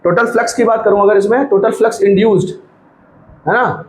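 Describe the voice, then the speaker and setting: A high-pitched male physics teacher who talks through the lesson step by step, repeating himself and coaxing students to keep up. His voice rings in an echoey room, with faint noise behind it. He drops in light teasing asides along the way. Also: fairly even intonation, brisk. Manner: repetitive, coaxing, keeps checking students follow. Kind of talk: classroom lecture at a board.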